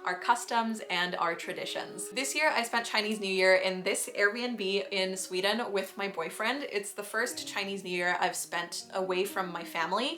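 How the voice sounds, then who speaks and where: A woman's voice: mid-range voice, bright, forceful tone. A woman in her twenties from Romania, giving a chatty, upbeat voice-over for her own cooking vlog. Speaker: vlogger.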